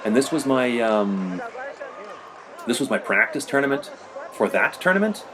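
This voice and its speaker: A man's voice: mid-range voice, big pitch swings, moderate pace, crowd noise. A middle-aged man casually narrating footage of his own match, rambling and conversational with lots of "you know". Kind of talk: casual narrated commentary over video.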